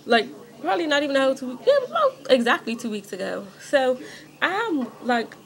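A woman's voice: high-pitched, a little fast, gravelly. A young woman vlogger in casual storytime chat, rambling and filling her talk with "like" as she speaks straight to viewers. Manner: animated when indignant. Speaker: beauty vlogger. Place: at home doing makeup.

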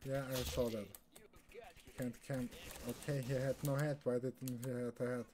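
Speaking at normal speed with a medium pitch and flat delivery, a young Austrian man offers casual live commentary on the game he's streaming. German is his native language, and his accent is Austrian. Clear keyboard and background noise run through the recording.

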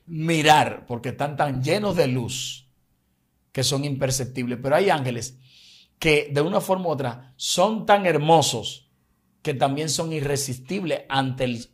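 A man's voice: mid-range voice, breathy edge. Dominican man, emphatic storyteller, casual faith podcast talk. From Dominican Republic. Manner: emphatic, explanatory, tells anecdotes. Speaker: evangelist podcast guest.

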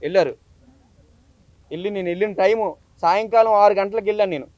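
A man's voice: sits high, a little fast, a little mellow, no room sound. A YouTuber man, telling his story to a press meet in an urgent, impassioned way. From Visakhapatnam, India. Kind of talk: emotional press statement.

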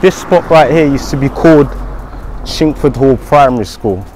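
A young London vlogger chats casually in slang, swearing and giving shout-outs during a walk-and-talk vlog. He's outdoors on streets by a school, then on a garden patio, recorded on a clip-on mic. His mid-range voice moves at normal speed, and the poor audio has slight background noise.

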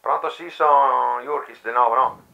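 A man's voice: medium pitch, normal speed, gravelly, muffled recording, a crowd in the background. An actor playing a stubborn, grumbling man with a Triestine accent, calling a comic radio phone-in and arguing in rambling, repetitive loops. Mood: stubborn, dismissive. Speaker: radio show caller.

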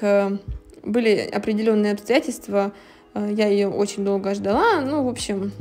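A woman's voice: mid-range voice, a little mellow. Chatty woman over background music. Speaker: nail technician narrating a manicure video. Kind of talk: casual storytelling voice-over.

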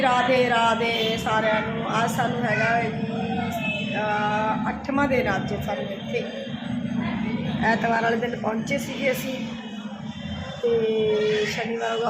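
A woman with a Punjabi accent casually narrating her day for a vlog. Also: on the high side. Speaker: family vlogger. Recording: very noisy handheld vlog audio.

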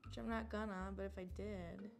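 A woman's voice: medium pitch, level tone, brisk, creaky, over music. A young woman vlogger chatting casually as she does makeup, giggling often and filling her talk with "like". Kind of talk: casual chat.

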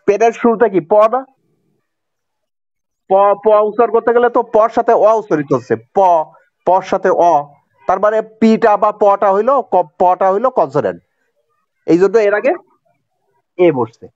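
In a classroom grammar lesson, a male teacher with a Bangladeshi accent and a fairly high, slightly mellow voice takes students through a grammar point. He repeats each rule and keeps checking that they're following. The recording is dry and a little muffled, with no echo.

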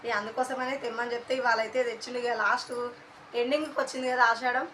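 Young woman, stuffy cold, chatty home vlog, high bright voice. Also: fairly even intonation, very fast, a little hiss or hum. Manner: chatty, rambling, many fillers. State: stuffy cold, sore throat. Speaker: vlogger and mother. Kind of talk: casual home vlog narration.

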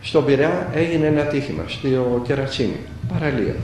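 A man playing a monk elder gives a sermon full of storytelling, acting out the dialogue as his medium-pitched voice rises and falls with lively intonation. He's heard from a distance in an echoey room, with background noise present.

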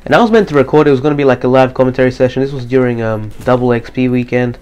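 Monotone, swearing gamer commentator man. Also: mid-range voice, racing, clean tone. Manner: slightly depressed, monotone, swears casually. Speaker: gaming commentator. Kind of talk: casual live gameplay commentary.

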